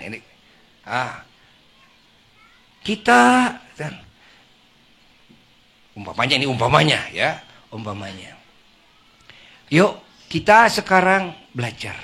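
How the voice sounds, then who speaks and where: A man preaching to a women's congregation, acting out little scenes and swinging between soft murmurs and loud exclamations. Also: sits high. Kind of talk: lively sermon to a women's congregation.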